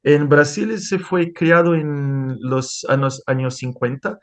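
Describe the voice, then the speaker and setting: A Brazilian man, a scientist being interviewed, talks slowly in a slightly high voice with fairly even intonation. Spanish is his second language, and his Brazilian Portuguese accent comes through. The conversation is marked by hesitation, frequent restarts, and fillers.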